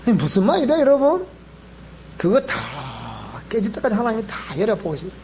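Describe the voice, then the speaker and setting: Male pastor, Gyeongsang accent, sermon delivery with a swooping, highly expressive pitch. He quizzes the congregation, with faint hiss underneath. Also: moderate pace. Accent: Gyeongsang Korean. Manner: animated, keeps quizzing the congregation. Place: church sanctuary.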